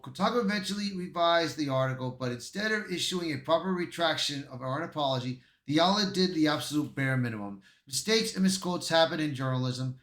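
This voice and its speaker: Slightly high and pushed, with a bright tone, this man's voice carries his casual YouTube commentary and read-aloud passages, which he frequently stumbles through. The sound is roomy and echoey.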